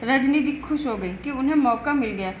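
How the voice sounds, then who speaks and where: Female storyteller, high pitch, voices every character herself, roomy echo. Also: moderate pace, slight background noise. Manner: reads every character's lines in her own voice. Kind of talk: narrated family story with acted dialogue.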